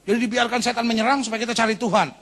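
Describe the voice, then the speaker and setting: A man preaching as a pastor, lively and animated, tossing in English phrases and calling the congregation to applaud and say amen. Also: extremely high pitch, racing, gravelly. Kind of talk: sermon. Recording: long reverb of a large hall.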